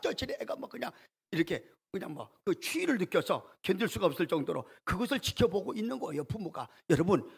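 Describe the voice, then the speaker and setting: In a church sanctuary, a male pastor delivers a Sunday sermon in a high, creaky, slightly rough voice. Storytelling all the way, he performs the quoted prayers within the tale with growing intensity.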